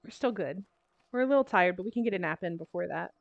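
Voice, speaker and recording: A woman's voice: fairly low pitch, expressive, quick pace, vocal fry, no room sound, dull audio. A woman streaming a game, easygoing and joking as she chats. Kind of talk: casual gaming stream chat.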